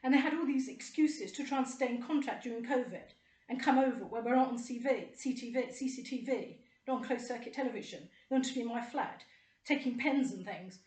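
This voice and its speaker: A middle-aged woman talks straight to camera in a high voice. Her delivery is indignant and rambling, with a sarcastic edge. The recording carries a roomy echo. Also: a little fast, darkish tone. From United Kingdom. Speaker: vlogger. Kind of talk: personal monologue to camera.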